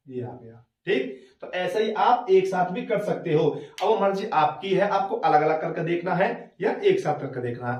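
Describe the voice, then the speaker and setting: A man's voice: high-pitched, a little mellow, roomy sound, recorded from a distance. A man teaching a math lesson step by step, asking questions and answering them himself, and calling the students "beta".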